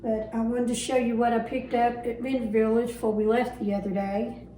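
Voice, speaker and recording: A woman's voice: fairly high pitch, level tone, fairly quick, warm tone, slight background noise, rough recording. A middle-aged woman chatting casually in a home vlog, homey and full of little fillers. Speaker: vlogger and booth reseller.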